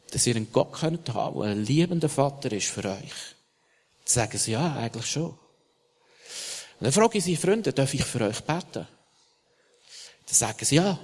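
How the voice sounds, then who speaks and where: A male preacher with a Swiss German accent, delivering an impassioned sermon that swings between loud emphatic bursts and hushed asides. His voice sits somewhat high for a man, and long reverb trails every phrase, as if he is preaching in a large hall.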